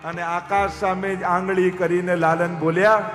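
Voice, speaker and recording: A man preaching a devotional story sermon as a katha narrator, animated and acting out each character. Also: sits high, normal speed. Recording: echoey hall with faint music.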